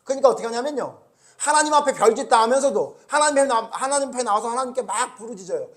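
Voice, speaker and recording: A male pastor preaching a Sunday sermon, asking his congregation rhetorical questions and swinging between loud rebukes and quiet asides. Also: fast. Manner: animated preaching, rising loud when scolding, dropping low and quiet.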